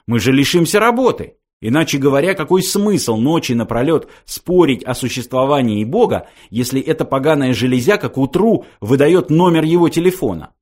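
Man putting on a huffy, self-important storybook philosopher, raised and loud, pitch bouncing. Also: close to an everyday voice. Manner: pompous, exasperated. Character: indignant older male philosopher, pompous and irritable.

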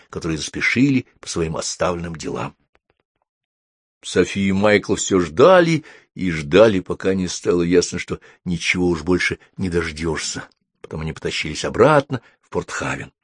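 A man narrating a storybook as an audiobook, with expressive storytelling. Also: low-pitched, slightly rough, dry recording, studio quality.

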